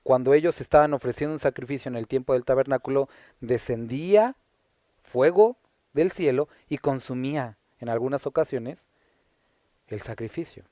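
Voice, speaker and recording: A man's voice: mid-range voice, moderate pace, mellow, dry recording, clean studio sound. A man from Mexico with a Puebla accent, a pastor teaching the Bible verse by verse in a conversational style, stopping to ask rhetorical questions. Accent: Puebla Mexican Spanish.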